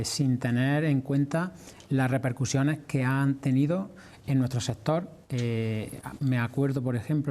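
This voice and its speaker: Male interviewee, Andalusian accent, farming spokesman. Mellow mid-pitched voice, measured and explanatory. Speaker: farmers' organisation representative being interviewed. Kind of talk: formal broadcast interview answers.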